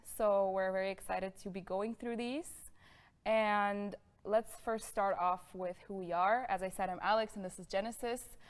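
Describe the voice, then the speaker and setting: A young woman in her twenties from Bulgaria presenting a lecture, friendly, with many fillers and quick bursts. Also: mid-range voice, fairly even intonation. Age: 20s. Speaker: guest lecturer. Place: studio room with pink sofa.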